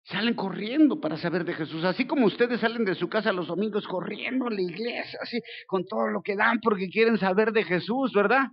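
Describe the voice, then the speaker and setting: Joking older Mexican pastor preaching. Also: male voice, high-pitched, a little fast, hardly any pauses, dull audio. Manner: colloquial, joking, lively storytelling. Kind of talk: sermon. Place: church.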